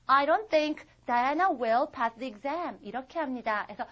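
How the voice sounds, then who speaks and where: Woman, English teacher, Korean native; high-pitched, methodical lesson delivery. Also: expressive, a bit bright, dull audio. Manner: explains step by step, reads English examples slowly. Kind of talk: recorded grammar lesson.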